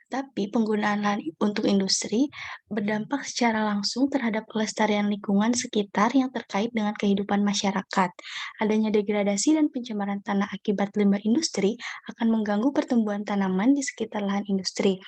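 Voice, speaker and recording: A woman's voice: mid-range voice, darkish tone, no echo. A young woman from Indonesia, a student presenter, reading a class presentation steadily and now and then correcting herself. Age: young adult.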